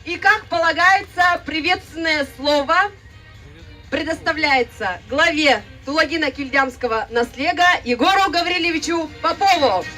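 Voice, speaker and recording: A woman hosting a live ceremony over an outdoor PA, announcing in a booming prize-announcer style with drawn-out exclamations. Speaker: event announcer and host. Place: outdoor stage at a motorsport event. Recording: distant outdoor PA with music behind.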